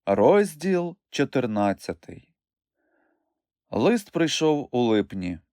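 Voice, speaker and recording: A man reading a novel aloud as a first-person audiobook narrator, in an expressive, animated way. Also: medium pitch, takes it slowly, no echo, clean studio sound.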